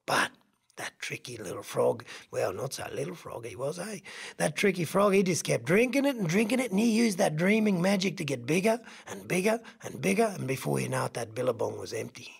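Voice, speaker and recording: An Australian man with a folksy, animated way of talking, telling a traditional story to children. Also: a little high, fairly quick, creaky, slightly rough. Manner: animated, folksy, shifts voice for characters.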